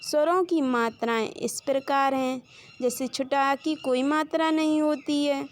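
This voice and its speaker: A woman's voice: sits high, steady tone, unhurried, a little hiss or hum. A woman teacher giving a Hindi grammar lesson to children, calling them directly and sounding out letters and example words one by one, drawing the sounds out long. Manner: addresses the children directly, points to a chart.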